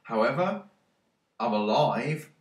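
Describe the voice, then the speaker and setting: The tech vlogger's mid-range voice has lively intonation and a slow pace, picked up far from the mic in his echoey room. Congested from a cold, he rambles casually, stumbling over many ums and restarts.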